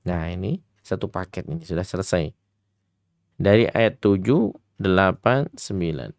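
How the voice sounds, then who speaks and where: Clear-voiced male Quran recitation teacher. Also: deep voice, lively intonation, dry recording, clean studio sound. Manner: brisk explanations broken by slow, drawn-out chanted recitation examples; addresses children directly, patient instructive tone. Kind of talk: interactive radio lesson on Quran recitation for children.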